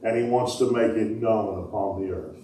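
A middle-aged man preaching as pastor, calling out to his congregation and shouting with fervor. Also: lowish voice, fairly even intonation, moderate pace, distant mic, a little hiss or hum. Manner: fervent preaching, calls out to the congregation, shouts "woo". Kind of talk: sermon. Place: church sanctuary, indoors. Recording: echoey church hall from afar. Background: congregation responding.

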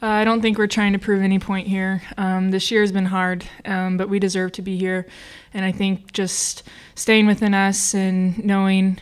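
Young woman, softball pitcher, press conference answers, flat even delivery, smooth clear voice, table mic. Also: normal speed, few pauses. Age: young adult. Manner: plain, steady answers with fillers.

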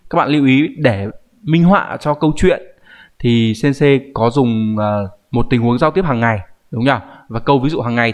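A male language teacher walks the viewer through a grammar point. His delivery is patient and explanatory, and he keeps pausing to check that the listener is following. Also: medium pitch. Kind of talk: online grammar lesson.

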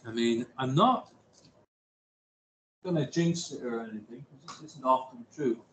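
A man's voice: medium pitch, measured pace, slight background noise, poor audio. Jokey male science teacher in class. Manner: jokey, self-deprecating, chatty asides. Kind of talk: classroom lesson with a simulation.

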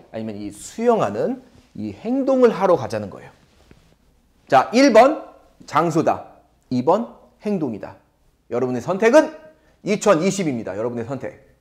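Lively Korean man teaching English. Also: fairly high pitch. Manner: lively, playful teacher asking the viewers questions. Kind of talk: online English lesson.

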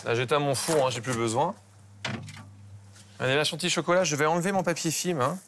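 A pastry chef talks viewers through a recipe, brisk and instructive, his voice sitting fairly high for a man. Clatter and clicks of a busy kitchen run behind him. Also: steady tone, noisy background. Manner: instructive, brisk, addresses viewers with "regardez" and "hein". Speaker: pastry chef teaching a master class. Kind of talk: cooking demonstration.

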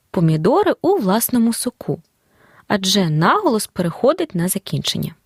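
Woman, language teacher, scripted lesson voice, very animated intonation, close and dry. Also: a little high, no room sound. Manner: clear, deliberate explanation of grammar rules. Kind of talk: scripted audio lesson narration.

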